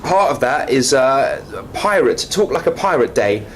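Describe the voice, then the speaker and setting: A man's voice: mid-range voice, expressive, measured pace, a little hiss or hum. Cheeky teasing British man. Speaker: co-host of a mock chat show. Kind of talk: casual chat.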